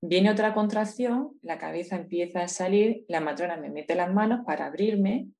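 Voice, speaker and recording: A woman's voice: lowish voice, moderate pace, vocal fry, darkish tone. Emotional Spanish woman recounting a story. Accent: Spain Spanish. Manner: intense, emotional retelling. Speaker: interview guest. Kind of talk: personal storytelling in a conversation.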